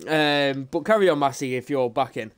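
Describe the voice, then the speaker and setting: A man's voice: mid-range voice, normal speed, clean tone. A man commentating a sim-racing league broadcast live, chatty and upbeat, running through the grid.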